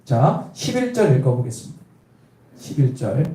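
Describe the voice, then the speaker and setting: A man's voice: mid-range voice, very animated, moderate pace, warm tone, slight background noise. A male pastor preaching a sermon, telling the story and quizzing the congregation with questions. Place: church. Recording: echoey room, voice from a distance.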